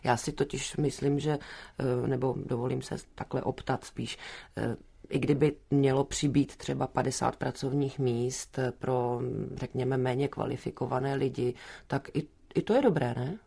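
A woman's voice: very deep voice, fairly even intonation, gravelly, mellow, husky. A woman moderates a studio debate, putting pointed questions to her guests. She phrases them carefully, with small hesitations as she finds her words.

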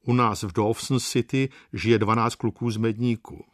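A man voicing a huge, bearded, gruff Alaskan man with a booming, rumbling voice. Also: steady tone, dry recording, clean studio sound, natural voice.

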